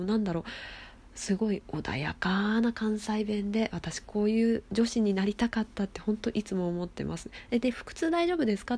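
A woman hosting her own casual talk show, chatty and excitable, often laughing and gushing as she reads out messages from listeners. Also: medium pitch. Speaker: solo talk show host. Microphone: phone app recording.

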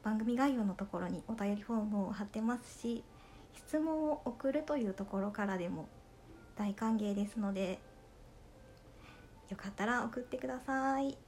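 A woman from Okayama with a Kansai accent, hosting a casual solo podcast and chatting gently and politely to her listeners. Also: a little high, normal speed, a little hiss or hum. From Okayama, Japan. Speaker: podcast host reading listener letters.

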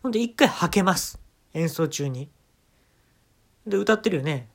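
A man's voice: sits high, animated, moderate pace, gravelly. A man with a Kansai accent telling a comic story as a monologue, acting out sounds and quoted lines along the way. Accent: Kansai Japanese.

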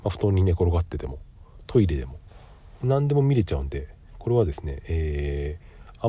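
Congested from a cold, this middle-aged podcast host has a deep, warm voice with a breathy edge and a nasal, stuffy quality. He speaks politely and explains things in a casual solo monologue full of filler pauses.

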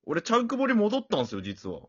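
Man co-host, husky, swoops all over the place, teasing and laughing, dry dull recording. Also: high voice, huge pitch swings, dry recording. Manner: teasing, laughs often, quick retorts. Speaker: podcast co-host. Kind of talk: casual chat.

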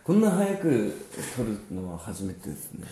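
A man co-hosting a casual podcast chat, telling about his gigs in a relaxed, rambling way with many fillers. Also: lowish voice, moderate pace, roomy sound. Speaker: musician co-host.

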